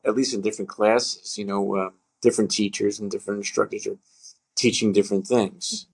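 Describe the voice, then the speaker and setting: A man co-hosting a casual podcast chat, talking in halting bursts with many fillers and restarts, laughing as he tells a story. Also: fairly low pitch, darkish tone, husky. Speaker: podcast co-host.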